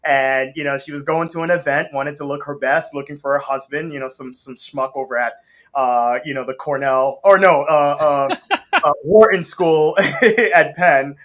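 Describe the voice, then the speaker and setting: A relaxed, slangy man in his thirties, born in Haiti and raised in the area. His voice sits a little high and rings bright and forward. He tells his story in an easygoing interview manner, laughing often. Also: normal speed. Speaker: guest, brand co-founder. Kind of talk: casual interview talk.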